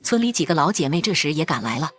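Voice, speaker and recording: A woman's voice: deep voice, very animated, quick pace, fairly bright tone. A woman narrating a first-person drama in a cold, blunt and firm way.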